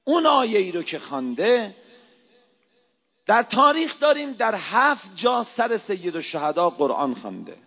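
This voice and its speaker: A man preaching an impassioned sermon, swinging between hushed low asides and loud, rising exhortations. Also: sing-song, breathy edge. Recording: reverberant hall, dull lo-fi sound.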